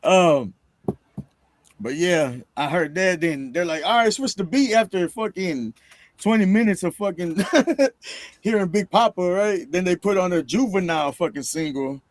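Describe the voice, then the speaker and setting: This man in his thirties has a high voice and talks a little slowly. He's a podcast guest chatting casually and telling stories, swearing freely and heavy on slang, dropping "bro" and "you know" all the time.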